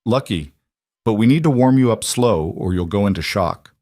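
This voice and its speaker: A man's voice: fairly low pitch, lively intonation, normal speed, a little mellow, no echo, clean studio sound, lightly acted. Man doing a firm, protective cowboy. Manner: firm, clipped and commanding.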